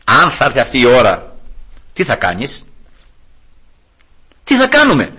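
A man in his sixties giving a sermon, preaching with swings between hushed low passages and raised, emphatic highs. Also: wildly swooping pitch, breathy edge. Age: 60s.

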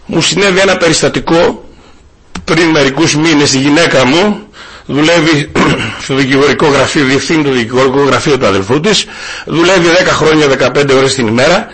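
A man's voice: fairly high pitch, a bit bright, slightly rough. A middle-aged man from Greece preaching a sermon, building emphasis and telling a personal story with quoted phone dialogue. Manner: preaching with rising emphasis, tells stories quoting a phone call.

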